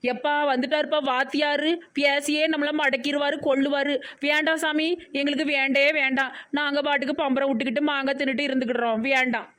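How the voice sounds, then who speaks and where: A woman's voice: high-pitched, level tone, fast talker, hardly any pauses, fairly bright tone. A woman voicing a mischievous, playful young teacher in a cartoon, with a Tirunelveli Tamil accent and a teasing, sarcastic manner. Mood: sarcastic sulking.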